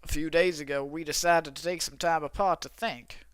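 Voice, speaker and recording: A man's voice: fairly high pitch, steady tone, normal speed, a bit bright, clean tone, dry recording, natural voice. A young man voicing a thoughtful male cafe customer from a game in a cowboy drawl, musing as he reads the lines aloud. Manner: reflective, musing. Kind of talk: reading game dialogue aloud.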